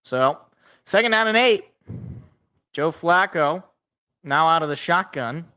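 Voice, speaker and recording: Bright-voiced young man reacting to football. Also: a little high, animated, takes it slowly, clear, resonant tone. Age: 20s. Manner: joking, self-deprecating, chatting with viewers. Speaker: sports podcast co-host. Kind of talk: live game reaction and play-by-play.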